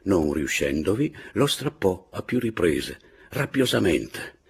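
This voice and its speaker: A man reading a classic novel aloud in a measured, expressive narrating voice. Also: deep voice, creaky, husky. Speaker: audiobook narrator. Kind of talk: literary audiobook narration.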